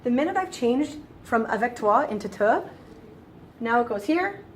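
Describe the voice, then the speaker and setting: A woman's voice: on the high side, expressive, moderate pace, a little hiss or hum. A woman explaining grammar in a casual, chatty lesson, often restarting phrases and walking through it step by step. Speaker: French teacher.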